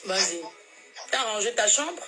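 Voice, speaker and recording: A woman's voice: mid-range voice, lively intonation, faint music behind. A woman from Cameroon, a mother coaxing her child on a speakerphone call. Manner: coaxing, patient with her child, then hurried and loud. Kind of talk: casual phone call vlog. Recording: crowd chatter behind.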